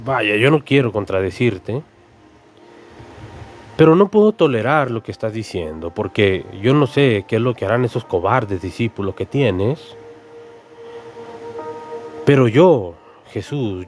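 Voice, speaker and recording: A man's voice: lowish voice, expressive, measured pace, long pauses, faint music behind. A man preacher voicing an impulsive, loyal male disciple who insists earnestly and keeps pleading with his friend by name. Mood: boastful. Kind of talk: sermon storytelling with acted voices.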